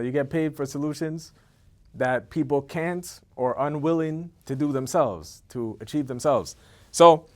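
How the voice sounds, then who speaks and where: Rambling man in his thirties, slightly high. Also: darkish tone. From Ethiopia. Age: 30s. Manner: rambling, repeats words, keeps asking "okay?". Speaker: event organizer. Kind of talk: casual promotional monologue.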